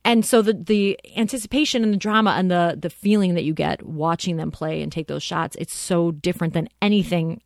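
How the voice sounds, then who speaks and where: A woman co-hosting a casual film podcast, talking excitedly and rambling with lots of fillers. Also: on the low side, a little fast, few pauses, no echo, clean studio sound. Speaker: podcast co-host.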